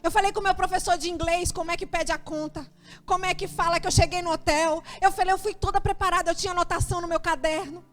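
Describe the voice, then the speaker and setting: A Brazilian woman pastor with a notably high voice, preaching a sermon as a personal testimony. She tells the story with animation and acts out her own worried prayers. Soft music plays faintly behind her. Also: steady tone, quick pace. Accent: Brazilian Portuguese.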